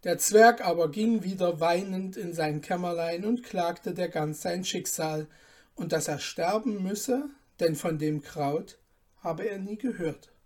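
A woman narrating a fairy tale in a measured, unhurried storybook reading. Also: lowish voice, darkish tone.

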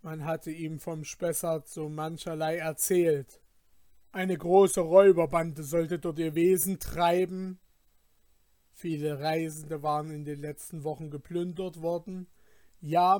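A man narrating a fairy tale in a measured storytelling manner. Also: fairly high pitch, darkish tone, dry recording, studio quality.

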